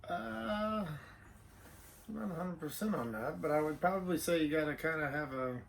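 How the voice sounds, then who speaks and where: A man's voice: fairly high pitch, expressive, moderate pace, vocal fry, fairly bright tone. A man co-hosting a casual chat inside a small camper trailer, plain-spoken and laconic, with faint noise behind him. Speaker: co-host.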